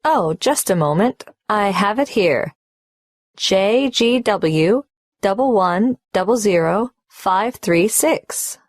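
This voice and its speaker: A slow, careful migrant applicant. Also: female voice, mid-range voice, animated, dry recording, clean studio sound. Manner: hesitant, careful, spells out details. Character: young adult woman migrant applying for a tax number. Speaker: applicant at the tax office. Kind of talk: scripted exam dialogue.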